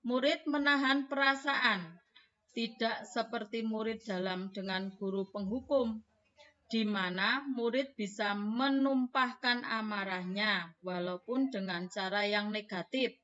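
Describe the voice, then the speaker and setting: Woman, teacher, scripted lesson, slow, slightly high voice, dull recording. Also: fairly even intonation, fairly bright tone. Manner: measured, addresses listeners formally.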